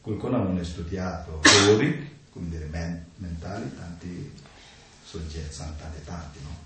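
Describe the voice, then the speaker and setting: A man giving an informal talk on the mind, speaking in halting, simple phrases and often checking in with a questioning "no?" after his points. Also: deep voice. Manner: halting, simple non-native grammar, keeps adding "no?". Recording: echoey room, distant mic, faint noise.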